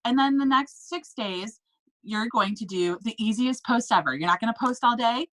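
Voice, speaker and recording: A woman coaching direct sellers in a casual, emphatic talk, often checking in with short tag questions. Her voice sits a little high and sounds bright and forceful. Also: expressive, normal speed, rough recording. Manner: upbeat, emphatic, checks in with "okay?" and "right?". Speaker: direct sales team leader.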